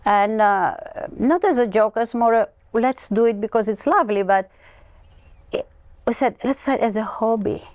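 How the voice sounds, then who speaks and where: She's a winery co-owner in her sixties, from Greece, and in this studio interview she chats freely and tells stories with lots of expression, her Greek accent clear. The voice is a little high, the pace moderate, the sound free of echo.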